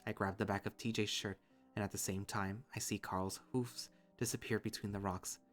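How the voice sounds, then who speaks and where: A young man reading a visual novel aloud in first person, with steady, earnest storytelling. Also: lowish voice, moderate pace, soft background music.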